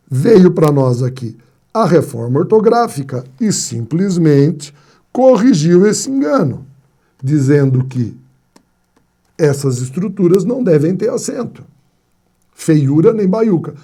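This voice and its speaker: A man's voice: high voice, big pitch swings, a little slow, warm tone. A man teaching a grammar lesson, asking and answering his own questions and telling playful anecdotes. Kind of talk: classroom lecture on spelling rules.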